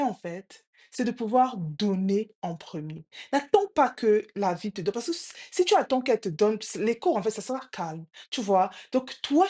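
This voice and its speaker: Woman vlogger, enthusiastic casual storyteller, filmed at a relative's home. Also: mid-range voice. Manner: warm greetings, enthusiastic, many fillers. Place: at her sister's home.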